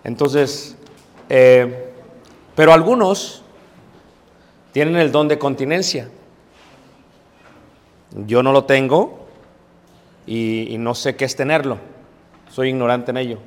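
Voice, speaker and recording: A man's voice: mid-range voice, slow pace, pauses often. A man preaching a conversational Bible class, informal, with many fillers and check-ins to the audience. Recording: long reverb of a large room.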